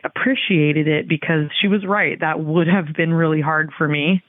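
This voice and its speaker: A man leaving a chatty, halting voicemail as a listener caller, full of fillers. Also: on the high side, dry recording. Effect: recorded voicemail message over a phone line. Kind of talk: rambling voicemail confession. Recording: tinny phone voicemail.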